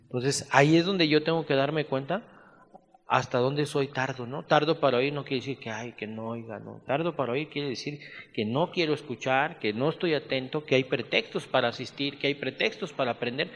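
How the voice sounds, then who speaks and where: A man with a Mexican accent teaching a Bible study class, dictating notes slowly and adding casual asides. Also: medium pitch, fairly bright tone, dull audio. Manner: slow, spelled-out dictation mixed with conversational asides. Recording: echoey hall reverb.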